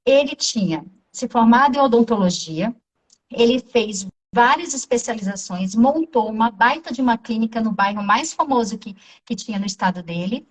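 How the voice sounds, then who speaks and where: A woman with a Brazilian accent, speaking as a therapist in an interview and telling stories from her practice. Her voice sits a little high, and she is animated, acting out the voices in the dialogue as she tells it. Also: moderate pace, far from the mic, poor audio. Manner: animated, acts out quoted dialogue. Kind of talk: interview storytelling.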